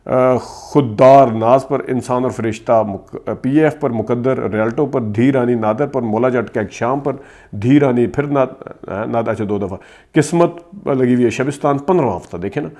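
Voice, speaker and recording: Quick man reeling off old films. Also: medium pitch, darkish tone. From Pakistan. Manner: reels off titles quickly, stressing names, with asides. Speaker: host. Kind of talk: rapid film-history commentary.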